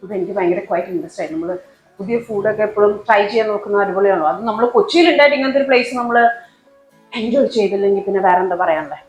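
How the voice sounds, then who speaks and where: A woman with a Malayali accent chatting casually as a food vlogger, mixing English words and phrases into Malayalam in an animated way. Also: medium pitch, very fast. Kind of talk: casual food vlog chat. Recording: roomy echo, faint music behind.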